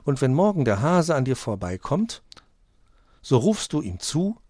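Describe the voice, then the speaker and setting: A man voicing a calm, clever mother tortoise in a read-aloud fable. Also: mid-range voice, unhurried, dry recording, studio quality, pitched above the performer's own voice.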